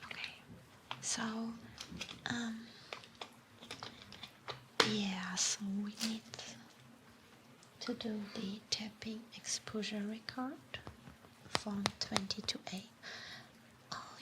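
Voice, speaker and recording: A woman's voice: fairly high pitch, very noisy. A woman with a German accent doing a whispered role-play as an office clerk, hesitant, playful and reassuring, close on a binaural microphone. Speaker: ASMR performer playing an office clerk.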